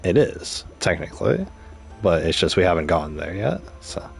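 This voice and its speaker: A man's voice: low voice, sing-song, normal speed, gravelly, soft background music. A young man streaming a game, talking casually and rambling through an explanation with examples and restarts. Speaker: gaming streamer. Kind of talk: casual commentary while gaming.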